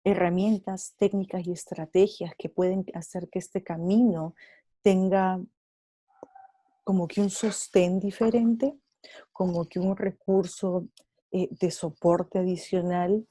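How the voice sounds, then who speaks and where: A woman's voice: on the low side, mellow, no room sound. A woman with a Peruvian Spanish accent speaking as a guest on an online panel, explaining patiently and acting out quoted dialogue.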